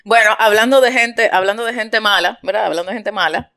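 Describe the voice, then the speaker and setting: A woman's voice: medium pitch, fairly quick, bright, forceful tone. A woman trading jokes in a playful, giggly casual chat. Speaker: joke teller.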